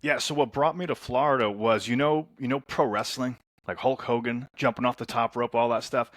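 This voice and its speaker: A men's transformation coach from Lebanon, raised in the States, appears as a podcast guest in a casual interview. He tells stories upbeat and briskly, often doubling words as he starts a sentence, in a medium-pitched, fairly even, slightly bright voice with studio-quality sound and no room noise.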